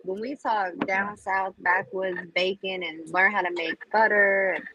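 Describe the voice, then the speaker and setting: A woman's voice: mid-range voice, fairly even intonation, unhurried, highs cut off, noisy background. A woman, chatting casually in an outspoken, slangy way. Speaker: beginner moonshiner. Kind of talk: casual chat.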